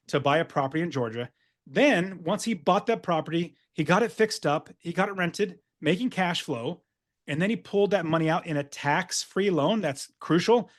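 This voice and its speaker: A man coaching real estate investors in an upbeat, emphatic webinar sales presentation. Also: a little high.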